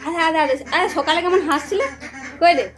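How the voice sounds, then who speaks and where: A woman's voice: very high voice, fairly quick. A woman talking playfully to a baby in coaxing, sing-song baby talk.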